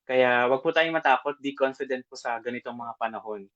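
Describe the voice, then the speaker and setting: A man preaches a brief, casual exhortation at a house church gathering. He asks his listeners again and again to agree and reads Bible verses aloud at a slower pace. His mid-pitched voice sounds close and dry, with no room echo. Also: fairly bright tone, highs cut off. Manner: polite, peppered with "di ba po" asides; switches between Tagalog and English. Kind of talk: short informal exhortation.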